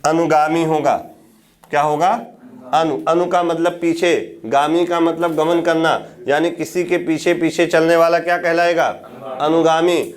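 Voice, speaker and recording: A Hindi exam teacher with a fairly high voice lectures his class of students. He poses questions, answers them himself, and repeats every key word so it sticks.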